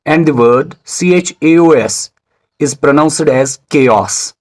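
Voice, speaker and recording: A male English teacher delivering a scripted video lecture. His voice sits a little higher than most men's, and his delivery is measured, formal and deliberate. He spells words out letter by letter as he explains. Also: low-quality recording.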